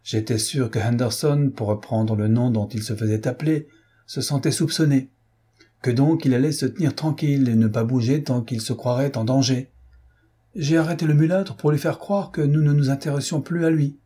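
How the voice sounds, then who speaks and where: A man's voice: mid-range voice, mellow, slightly rough, lightly acted. A man reading as a self-assured police inspector. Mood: confident. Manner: brisk, confident explaining.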